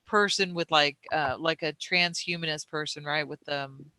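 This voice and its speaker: Bright, crisp-voiced man chatting loosely. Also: fairly high pitch, fairly even intonation, normal speed, no room sound. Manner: rambling, hesitant, many fillers and restarts. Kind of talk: casual conversation.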